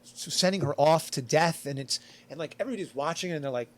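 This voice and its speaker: This fast-talking man has a voice on the high side. Chatting loosely with fellow podcast panelists, he meanders through his story, leans heavily on "like," and performs the quoted lines himself.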